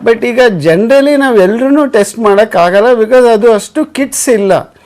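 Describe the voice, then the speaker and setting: A doctor in a studio explains who gets tested and why. The delivery is calm and measured. The voice sits mid-range. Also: mid-range voice. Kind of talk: expert explanation.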